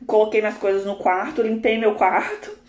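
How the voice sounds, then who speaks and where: Animated Brazilian woman in a roomy space. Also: mid-range voice, moderate pace. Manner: animated, expressive, laughs often. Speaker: coach. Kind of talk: casual live storytelling. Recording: roomy echo.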